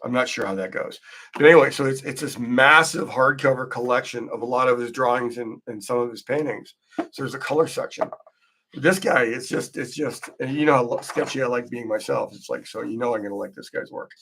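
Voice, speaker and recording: A man hosting a live drawing stream, chatting casually in a rambling, halting way as he thinks aloud. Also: mid-range voice, sharp tone, slight background noise. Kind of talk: casual livestream chat while drawing.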